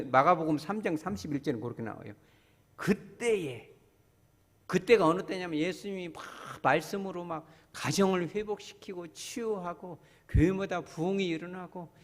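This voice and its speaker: A male pastor delivers a Sunday sermon in a lively, animated way, his pitch swinging up and down and sitting a touch high for a man. He breaks into quick acted asides of nagging relatives. The sanctuary adds a long, ringing reverb. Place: church sanctuary. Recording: church hall reverb.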